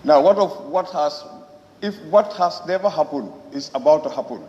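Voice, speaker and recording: A man with a Gambian accent, a member of parliament, gives a parliament speech in deliberate, halting phrases. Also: on the high side, lively intonation, dark tone. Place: large parliament chamber. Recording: echoey hall, muffled, faint noise.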